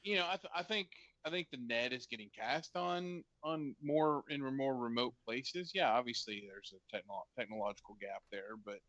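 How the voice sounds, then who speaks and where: A man with a bright, forceful voice chats casually on a podcast, recorded dry and close. He hesitates often and fills the pauses with ums. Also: medium pitch, no echo, dull audio. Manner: relaxed, hesitant, lots of ums. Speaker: podcast co-host. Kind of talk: casual chat.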